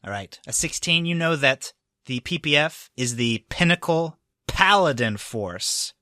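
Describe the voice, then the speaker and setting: A man's voice: on the high side, animated, unhurried, sharp tone. A man running a tabletop game as game master, laughing often as he narrates.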